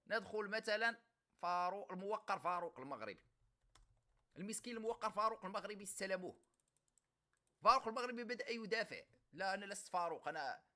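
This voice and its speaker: Egyptian male streamer, Egyptian Arabic accent, bright edgy tone, sarcastic comment reactions. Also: sits high. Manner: mocking, sarcastic, reads comments aloud.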